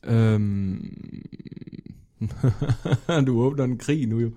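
A man who is a comedian guest on a podcast, telling stories in a lively way, often laughing, his voice sore and strained. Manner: lively storyteller, laughs often, pitch leaps up. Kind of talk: casual podcast chat.

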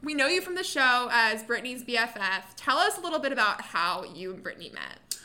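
Bright, lively young woman host. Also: fairly high pitch, fairly quick. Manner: playful, giggly. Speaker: podcast host. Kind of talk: casual chat, quiz hosting.

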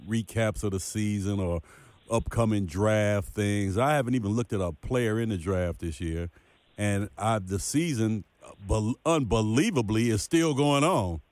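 A man's voice: lowish voice, measured pace, a little mellow, no echo. Guy cohosting a football podcast, close dry mic, leans hard on his points and says them twice. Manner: emphatic, repeats points for effect. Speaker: podcast co-host. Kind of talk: casual sports talk.

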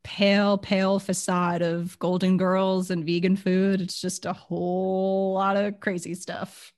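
A woman's voice: mid-range voice, level tone, unhurried, a little mellow. A young woman hosting a podcast in a casual, playful and self-mocking chatty way. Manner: playful, self-mocking, slips into mock voices. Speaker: podcast host. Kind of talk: casual chat.

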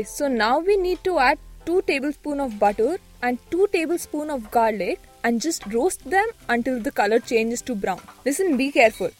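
A woman with a North Indian accent in a scripted, casual cooking dialogue, chatting as a co-host and slipping in bits of Hindi. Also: high voice. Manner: chatty Hindi-English code-switching.

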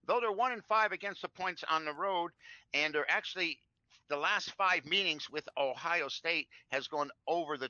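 A man's voice: a little high, pushed and bright, no room sound. A man co-hosting a sports betting show, chatty and rambling as he stacks up stats. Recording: dull lo-fi sound.

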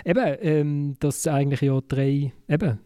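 A man with a Swiss German accent in a casual discussion, posing questions and haltingly thinking aloud. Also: fairly high pitch, warm tone, clear, resonant tone, no echo, clean studio sound. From Switzerland, Basel. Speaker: football talk show panellist posing questions.

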